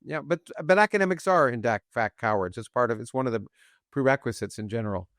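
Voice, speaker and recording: A man hosts a podcast interview in a conversational way, jumping in with his own views. He talks fast at a middle pitch. His voice is close and dry, with no echo. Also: expressive, a bit bright. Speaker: podcast host.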